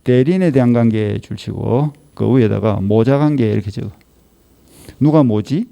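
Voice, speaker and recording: A man's voice: mid-range voice, normal speed, vocal fry, warm tone. A middle-aged man with a Gyeongsang Korean accent gives an exam-prep law lecture, scolding and teasing his students with rhetorical questions.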